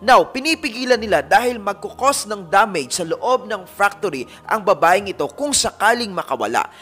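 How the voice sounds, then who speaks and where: A man's voice: high voice, big pitch swings, moderate pace, pushed and bright, slightly rough, faint music behind. A man narrating a supernatural tale and speaking directly to his listeners as a group. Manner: addresses listeners as a fan group, dramatic retelling. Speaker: narrator of a paranormal story channel. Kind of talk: storytelling narration.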